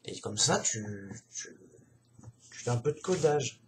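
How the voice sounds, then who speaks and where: A man's voice: medium pitch, sing-song, a little slow, a little hiss or hum. A man musing aloud in a casual, digressive monologue, slangy and chatty, often addressing the listener as a buddy.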